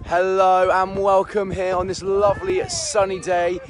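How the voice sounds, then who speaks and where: An upbeat man hosting a live stream in the open air, chatting energetically and greeting viewers by name. His voice sits a little high for a man and comes through a phone mic, with faint background noise from outside. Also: monotone, unhurried. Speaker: holiday park entertainer and live stream host. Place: outdoors at a busy holiday park.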